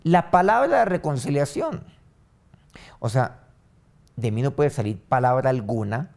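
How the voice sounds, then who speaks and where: A man pastor preaching a sermon and leading a prayer, his voice swinging from loud rising lines to soft low ones. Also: sing-song, normal speed, gravelly. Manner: preaching with sudden rises and soft drops.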